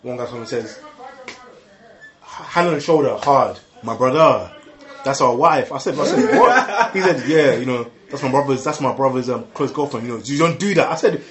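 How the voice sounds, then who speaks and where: A young man telling an excitable, slangy story with lots of repeated words and laughter. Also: mid-range voice, fairly quick, echoey room. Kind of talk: animated casual storytelling.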